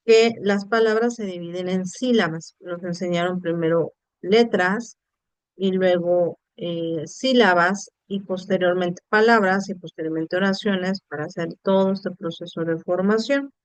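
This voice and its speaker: Woman teacher explaining with smooth voice. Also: fairly low pitch, a little slow, no echo. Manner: explanatory, addresses students directly with rhetorical checks. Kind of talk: online class lecture. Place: online video session.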